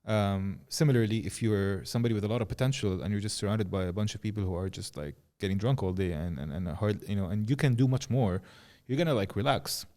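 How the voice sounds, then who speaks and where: A man's voice: on the low side, fast, hardly any pauses, dark tone. A man in his thirties from Jordan, hosting a podcast in a loose, rambling way and leaning on "like" as he talks. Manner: rambling, restarts sentences, says "like" often. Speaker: podcast host. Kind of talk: casual conversation.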